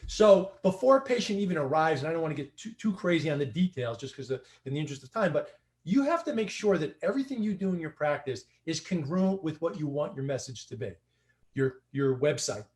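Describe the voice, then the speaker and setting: A man with a high, light voice talks through practice advice in a relaxed livestream conversation. He leans on emphasis and repeats his points to drive them home. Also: brisk. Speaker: chiropractic practice coach. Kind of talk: casual livestream discussion.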